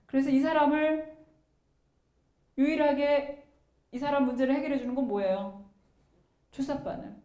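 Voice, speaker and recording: Brief: woman professor, fairly high voice, lively question-and-answer lecture, echoey hall. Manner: lively, asks questions and answers them herself.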